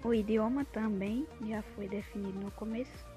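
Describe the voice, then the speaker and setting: A woman's voice: mid-range voice, normal speed, mellow. A Brazilian woman giving an unscripted demonstration of an app as a tutorial host. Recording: music playing behind the voice. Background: clear background music.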